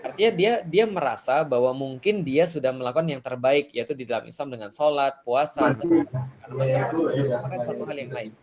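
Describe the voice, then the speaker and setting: A man's voice: mid-range voice, a little fast, crowd noise. A middle-aged man, an Islamic preacher, earnestly telling true stories in casual religious talk, with many fillers.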